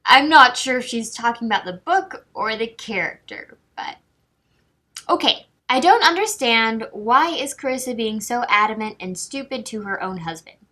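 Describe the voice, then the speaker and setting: Bright-voiced young woman, reading in wry disbelief. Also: on the high side, expressive, moderate pace. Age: young adult. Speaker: amateur online fiction writer and vlogger. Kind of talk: casual vlog chat, reading out comments.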